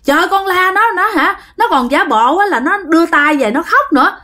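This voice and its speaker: A woman with a Southern Vietnamese accent voicing a frightened, drunk father who yells fast and exasperated at a ghost. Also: extremely high pitch, lively intonation, voice pushed up, heavily acted. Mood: frantic. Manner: yelling, rapid, exasperated.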